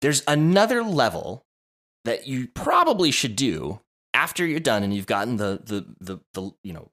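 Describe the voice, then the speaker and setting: With a medium-pitched, slightly bright voice, this man co-hosts a podcast and casually explains audio production. He rambles, restarts often, and drops asides that amuse himself.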